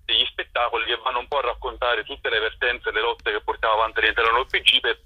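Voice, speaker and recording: Heard over a muffled, roomy phone line on radio, a theatre director gives an interview, explaining things on the fly with discursive enthusiasm. His husky, medium-pitched voice moves quickly with little change in pitch.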